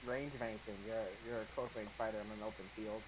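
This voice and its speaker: A man playing a tabletop game, explaining rules in a relaxed, drawn-out way. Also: fairly low pitch. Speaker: player. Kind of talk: casual tabletop game chat. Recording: noisy recording.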